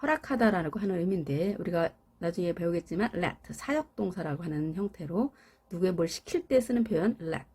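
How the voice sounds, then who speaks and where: A woman's voice: on the low side, expressive, brisk, a little mellow, husky. A woman teaching English verbs in Korean, repeating each word in rhythmic sets and explaining meanings with everyday examples. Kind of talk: scripted lesson on verbs.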